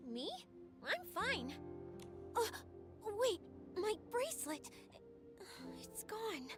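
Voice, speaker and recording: Young trainee ranger woman for a game: modest, reassuring, high, lilting, over music. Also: big pitch swings, extremely slow, exaggerated voice. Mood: gentle wistful. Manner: friendly, reassuring. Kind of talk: video game voice acting. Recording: music under the voice.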